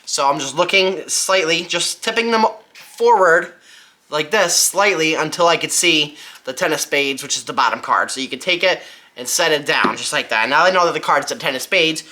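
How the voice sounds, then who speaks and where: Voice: medium pitch, moderate pace, sharp tone. A presenter giving a casual, step-by-step magic tutorial, informally thinking aloud while demonstrating by hand.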